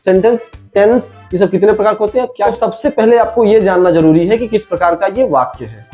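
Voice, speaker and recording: A man's voice: high voice, fairly quick, dark tone. A man teaching an online English grammar lesson, repeating each rule and calling the listener his friend. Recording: dull lo-fi sound with faint music.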